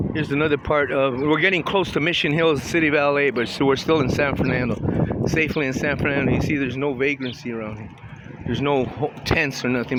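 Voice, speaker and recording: Rambling man in his sixties, street noise. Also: medium pitch. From Southern California. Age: 60s. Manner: rambling, chatty, opinionated, with many restarts. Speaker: vlogger. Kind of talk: casual walking commentary. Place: outdoors, on streets of a town. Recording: outdoor street noise with passing traffic.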